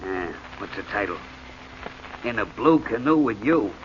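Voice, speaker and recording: Speaking in a fairly low, expressive voice, a man takes a supporting role as a breezy music publisher in a 1940s radio play. He comes across gruff and brash with rapid-fire jokes, and the old broadcast sounds dull with a slight hiss.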